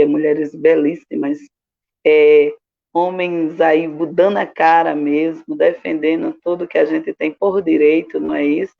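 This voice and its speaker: Gravelly woman, slow earnest talk with lots of fillers, dull lo-fi stream sound. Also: on the low side. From Cabedelo, Paraíba, Brazil. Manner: slow, earnest, with many fillers and tag questions. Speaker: Afro-Brazilian religious priestess, panel guest. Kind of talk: live-streamed panel introduction.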